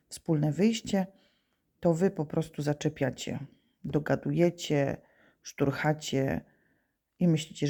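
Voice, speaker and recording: A primary school teacher gives a remote lesson to young children in a low, warm voice with vocal fry. She is patient, asking questions and then answering them herself.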